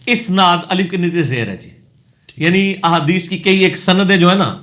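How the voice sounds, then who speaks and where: A man's voice: high-pitched, animated, fairly bright tone. A man with a Punjabi accent, a religious scholar answering questions in a lecture, explaining and correcting word pronunciation with casual asides.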